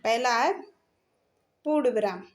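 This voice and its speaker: A woman with a high voice explains a grammar lesson. She goes step by step, repeating each point and pausing to check in with her students. Her speech mixes in terms along the way. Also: lively intonation. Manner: slow, repeats points, says "theek hai" often. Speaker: Hindi grammar teacher.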